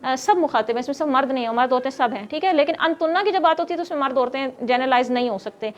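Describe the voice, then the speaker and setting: A woman's voice: high voice, dull audio. A woman teaching a grammar class who explains step by step, quizzes her students and scolds them when they get noisy.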